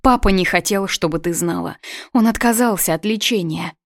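A woman's voice: medium pitch, moderate pace, dry recording, studio quality, close to an everyday voice. Woman reading a trembling, grieving mother. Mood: pleading. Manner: trembling, pleading. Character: worried grieving middle-aged mother.

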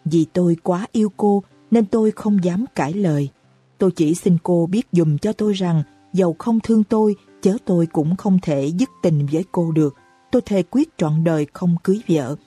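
A woman reading out a lovesick young man's letter in an audiobook, slow and mournful. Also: on the low side, dark tone, husky, dry recording. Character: lovesick young man pouring out a farewell letter.

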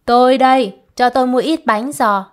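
A woman's voice: high-pitched, moderate pace, natural voice. A woman voicing a swaggering, lecherous male soldier who bullies and threatens, in a spoken storybook reading. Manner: brash, flirty, then threatening.

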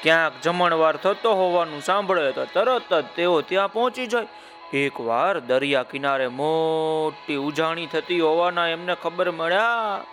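Lively man telling children's stories. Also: fairly high pitch, measured pace, soft background music. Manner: lively, addresses listeners by name. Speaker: children's storyteller. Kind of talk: children's storytelling.

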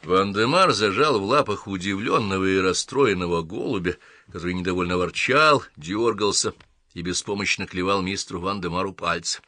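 A man narrating an audiobook in an even, measured reading. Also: low voice, no room sound.

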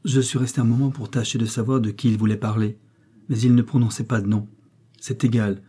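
Chatty little nephew, hushed and fearful, husky voice, read by a man. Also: medium pitch, steady tone, fairly quick, close to an everyday voice.

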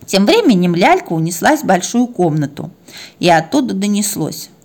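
A woman's voice: medium pitch, sing-song, normal speed, darkish tone. A woman narrating a story in a wry, chatty way.

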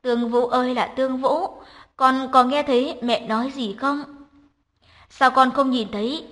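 A woman's voice: high-pitched, fairly even intonation, normal speed, fairly bright tone, in a large hall. A woman reading the lines of a grieving older mother who pleads tearfully. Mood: sobbing.

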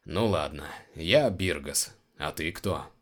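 A man's voice: extremely low pitch, expressive, takes it slowly, fairly bright tone, heavily acted. A man reading the lines of a rueful, bluff male guard in his own voice.

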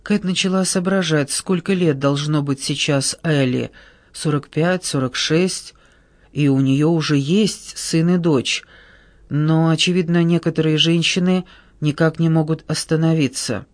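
A man narrates a novel in an even, measured storytelling manner. His voice sits a little high. The studio recording is close and dry. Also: dry recording. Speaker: audiobook narrator.

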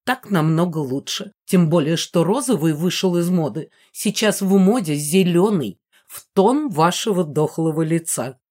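A woman's voice: on the low side, lively intonation, measured pace, darkish tone. A woman reading an audiobook, voicing a middle-aged mother who mocks with venomous, teasing sarcasm. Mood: sarcastic. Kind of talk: audiobook character voice.

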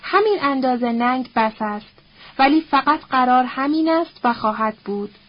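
A woman's voice: high voice, animated. A woman reading a bitter young man. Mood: curt angry. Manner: curt, stern. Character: weary, bitter young man, tense and proud. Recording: dull lo-fi recording.

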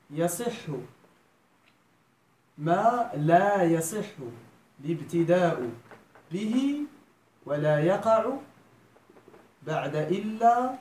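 A woman's voice: mid-range voice, dark tone. A woman with a Moroccan Arabic accent teaching a classroom grammar lesson, often quizzing her students with questions.

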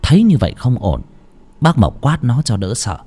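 A man narrating an audio story in an expressive storytelling manner. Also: medium pitch, normal speed, slightly rough, soft background music.

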